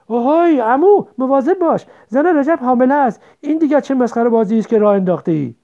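A narrator voicing a rough, excitable young working man who calls out loudly and teases, in a dull lo-fi recording. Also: high voice, voice pushed up. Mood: angry. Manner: loud teasing calls, quick scolding.

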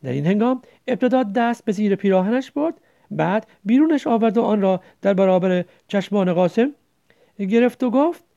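A woman narrating a story in a measured way, slowing down for emphasis. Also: medium pitch, animated, creaky, mellow. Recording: dull lo-fi recording.

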